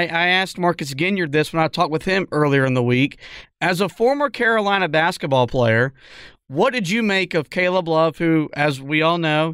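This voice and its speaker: A male podcast host with a smooth, resonant voice, recorded dry and close on a studio mic. He asks his questions in a casual, conversational manner. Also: a little high, a bit bright, no room sound. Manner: conversational, fillers. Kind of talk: casual interview.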